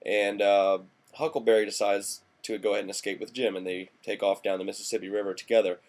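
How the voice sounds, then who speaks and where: Folksy 1890s country fellow played by a man, lowish voice, rambling homespun talk, class-project monologue. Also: flat delivery, fast talker, a little mellow, natural voice. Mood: lecturing. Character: folksy 1890s small-town Missouri man, time-displaced. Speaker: student presenter in character.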